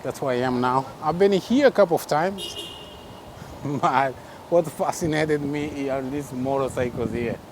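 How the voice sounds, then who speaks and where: Amid street noise at a busy city market, a man with a slightly high voice narrates his travel vlog at a measured pace, and the audio quality is poor. He chats and laughs a lot with the people he meets along the way.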